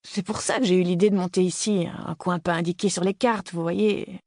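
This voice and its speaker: Man doing a jumpy young stoner hiker, slangy, defensive, higher voice, dry sound. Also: steady tone, normal speed, darkish tone, no echo.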